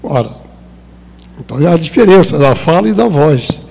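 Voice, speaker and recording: A man's voice: fairly high pitch, lively intonation, normal speed, gravelly, darkish tone, breathy edge. A man with a Brazilian Portuguese accent giving a conversational spiritist talk, acting out little dialogues as he teaches. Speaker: spiritist lecturer. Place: spiritist center hall. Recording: long hall reverb.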